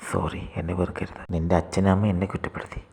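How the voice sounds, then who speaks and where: A man's voice: sits low, flat delivery, very fast, vocal fry, a little mellow, slightly rough, exaggerated voice. A man voicing a tearful young aunt.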